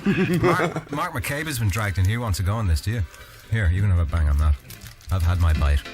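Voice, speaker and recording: A man's voice: sits low, expressive, fast talker. A man with an Irish accent hosting a casual radio chat, joking and quizzing his co-hosts. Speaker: radio show host. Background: music.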